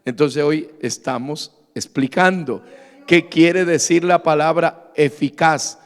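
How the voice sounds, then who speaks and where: A man preaches a sermon in a high voice with a long reverb behind it. He speaks slowly and deliberately, asks the congregation questions and then answers them himself. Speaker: pastor.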